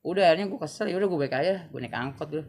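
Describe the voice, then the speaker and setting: Fast-talking young man. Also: a little high, background noise. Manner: animated slangy storytelling, acts out quoted voices. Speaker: guest. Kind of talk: casual storytelling interview.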